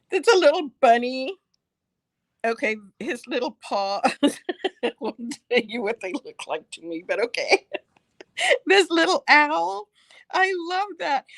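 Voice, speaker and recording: Middle-aged woman, store host, fairly high voice; chatty, giggly, gushing delivery. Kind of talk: casual live product show.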